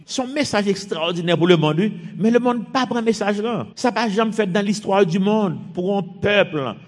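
A man from Haiti with a Haitian French accent, preaching a sermon and reading scripture, his voice rising and dropping sharply in force. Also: normal speed. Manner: fervent, rises and drops sharply in pitch and force. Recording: long hall reverb.

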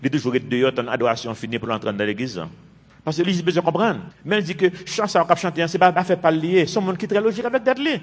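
A pastor in his fifties delivers a sermon, driving his points home by repeating phrases. His voice sits a bit high for a man. It rings out with the long reverb of a large church hall. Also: fast. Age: 50s. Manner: emphatic preaching with repeated phrases.

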